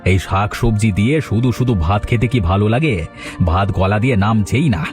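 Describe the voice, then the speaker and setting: A man's voice: on the low side, fairly quick, over music, natural voice. A man voicing a greedy village husband in a cartoon, grumbling, impatient and mocking. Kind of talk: cartoon dubbing.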